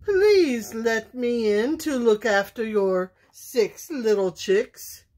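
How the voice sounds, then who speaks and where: A woman's voice: fairly high pitch, lively intonation, slow pace, a little mellow. A woman voicing a lonely big bad male wolf who tries to be good, speaking sweetly and politely in a storybook. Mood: sweetly earnest.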